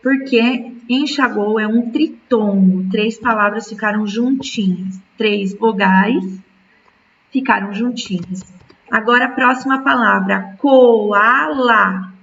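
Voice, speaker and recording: A woman's voice: a little high, takes it slowly, vocal fry, a bit bright, recorded from a distance, highs cut off, a little hiss or hum. A woman teaching a school lesson, patiently stretching words out syllable by syllable. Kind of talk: recorded remote school lesson.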